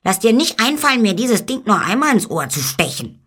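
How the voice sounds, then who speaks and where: Shrill mocking fairy man. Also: lively intonation, a bit bright. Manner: scornful, shrill and fast.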